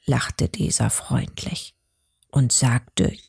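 A woman storyteller narrating a rhyming storybook, measured and sometimes hushed. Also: a bass voice, fairly even intonation, vocal fry, husky.

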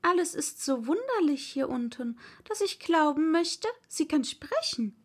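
A woman's voice: high-pitched, sing-song, measured pace, pitched above the performer's own voice. A woman voicing a polite, curious little girl in a read-aloud story, eager and chatty, sometimes apologetic. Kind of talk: audiobook reading.

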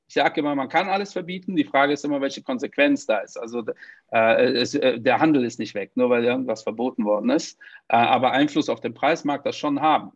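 Joking Portuguese-born podcast host. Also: male voice, mid-range voice, no echo, dull audio. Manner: joking, lively storytelling with many fillers. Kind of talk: casual interview chat.

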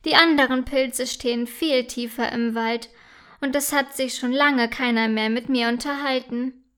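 A woman's voice: a little high, a little slow, a bit bright. Woman doing a lonely talking mushroom. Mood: plain. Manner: stern at first, then friendly and laughing.

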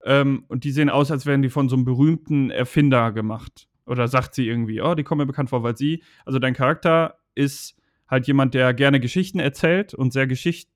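A man's voice: medium pitch, a little fast, no echo, studio quality. Rambling man in casual game chat. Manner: rambling, hesitant, many fillers.

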